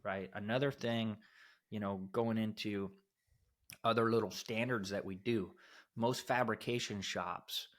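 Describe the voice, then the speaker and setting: A man's voice: on the low side, steady tone, measured pace. A man co-hosting a podcast who talks in a blunt, emphatic way, with some casual swearing. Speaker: podcast co-host, steel fabrication company owner.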